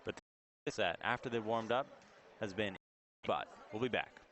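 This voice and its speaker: A man with a fairly low voice calls a volleyball match live at normal speed, using clipped phrases that rise on big plays. It's recorded in a noisy gym, with the crowd and bouncing balls audible behind him.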